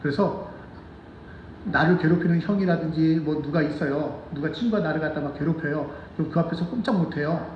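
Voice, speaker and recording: High, lively male pastor in echoey hall. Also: far from the mic, highs cut off, slight background noise. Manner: animated, asks the congregation rhetorical questions; acts out children's voices in quotes. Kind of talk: sermon. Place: church sanctuary.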